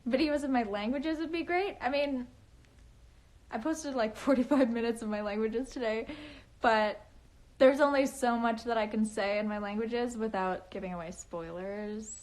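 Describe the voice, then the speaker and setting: A woman's voice: fairly high pitch, moderate pace, a little mellow. A young woman chatting on a casual livestream from home, talking in a nervous valley-girl way with lots of fillers and restarts. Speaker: author livestreaming to fans. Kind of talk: casual livestream chat, reading comments. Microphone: phone.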